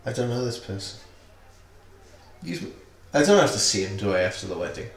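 Man as a bemused groom in an improv sketch, lively delivery, roomy sound. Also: lowish voice, fairly quick, creaky. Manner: laughing, bemused. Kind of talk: improvised comedy banter.

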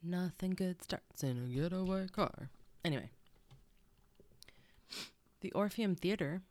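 A woman's voice: on the low side, lively intonation, measured pace, a little mellow. A young woman hosting a casual podcast, chatty and rambling with side stories, her nose stuffy. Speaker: podcast host. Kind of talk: casual solo podcast chat.

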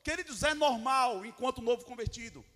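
A Brazilian man preaching a sermon as pastor, emphatic, swinging from loud calls to hushed lines. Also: very high-pitched, fairly quick. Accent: Brazilian Portuguese. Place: church hall. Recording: long hall reverb.

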